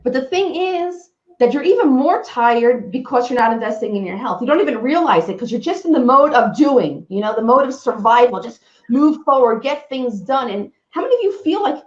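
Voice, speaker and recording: A woman's voice: on the high side, lively intonation, normal speed, hardly any pauses, reverberant, dull audio. A woman presenting a webinar, telling a personal story in an earnest way, often restarting her sentences. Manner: earnest, self-interrupting storytelling with frequent restarts. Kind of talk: personal story and health talk.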